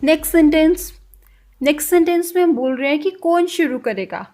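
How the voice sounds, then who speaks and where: A woman teaching a language lesson, saying example sentences slowly and repeating them with care. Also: high-pitched, expressive, warm tone.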